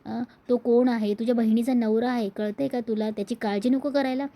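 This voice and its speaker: A woman's voice: a little high, steady tone, a little fast, mellow, natural voice. A woman voicing a firm, reasonable elder brother scolding his younger sibling in a serial recap. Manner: reproaching, reasoning.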